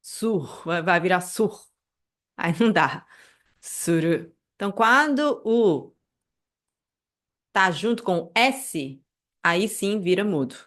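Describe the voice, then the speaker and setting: A woman with a Brazilian Portuguese accent teaching an online language lesson, patiently repeating phrases slowly and checking in with the listener. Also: lowish voice, animated, fairly bright tone.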